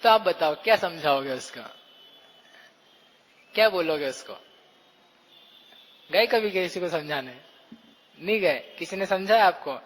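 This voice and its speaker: A man's voice: high voice, expressive, a little slow, long pauses, a bit bright, in a large hall, rough recording. A man giving a Jain scripture discourse to a live audience, asking questions and acting out everyday speech. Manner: questioning, addresses listeners directly; acts out quoted everyday speech. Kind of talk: religious discourse.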